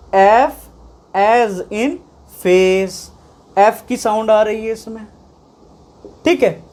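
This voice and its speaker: A woman's voice: on the high side, a little mellow. A woman teaching a video lesson, stretching out each example sound and checking in often with the listener. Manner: drawn-out sounding of letters, frequent "theek hai" checks. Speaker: shorthand teacher.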